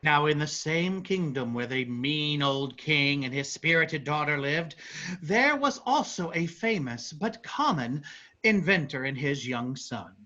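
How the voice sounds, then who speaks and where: Taking the role of a talkative narrator, a performer tells a folk tale theatrically in a staged reading, adding conversational asides. Their mid-range voice is bright and forceful, with lively intonation and a measured pace, but the audio is dull.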